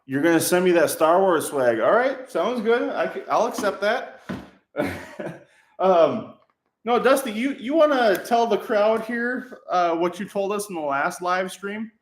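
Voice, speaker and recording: A man's voice: sits high, lively intonation, a little slow. A man with a Minnesotan accent hosting a casual livestream from his workshop, chatting and joking while he builds a prop. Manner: chatty, jokey, often laughing. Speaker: livestream host. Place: home workshop. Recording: echoey room.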